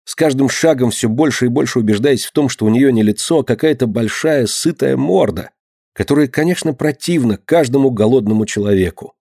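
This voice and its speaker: A man reading a story aloud in measured, expressive scripted narration. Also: medium pitch, vocal fry, dry recording. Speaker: audiobook narrator. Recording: dry close studio sound.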